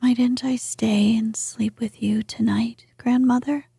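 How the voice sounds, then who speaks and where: A woman voicing an eager, affectionate young princess in a soft whisper, reading a storybook. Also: fairly high pitch, fairly even intonation, slow pace, creaky, husky, dry recording, exaggerated voice.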